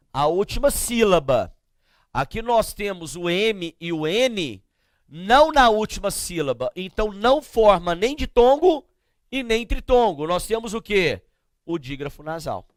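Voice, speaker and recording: A middle-aged Brazilian man teaching grammar to a class, slow and emphatic, asking questions and answering them himself as he spells out letters and sounds. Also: high voice, no echo, studio quality. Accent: Brazilian Portuguese.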